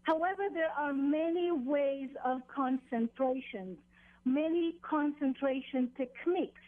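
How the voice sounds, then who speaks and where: A woman on a phone line explaining meditation as a teacher, deliberately, with pauses and repeated phrases. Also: high voice, dry recording. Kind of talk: explanatory radio interview, spiritual instruction. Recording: dull, narrow telephone line.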